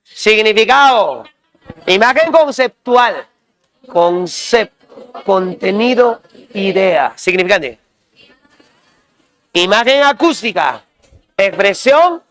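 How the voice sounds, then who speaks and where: A male teacher drilling students with quick questions and repeated call-and-response prompts. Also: high voice, very animated, a bit bright. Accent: Peruvian Spanish. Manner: quizzing, repetitive call-and-response.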